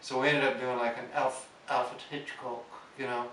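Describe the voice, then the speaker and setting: Man, rambling casual chat, halting restarts, heard from far off. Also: mid-range voice, flat delivery, pushed and bright. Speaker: musician discussing his album. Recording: roomy, distant, with faint hiss.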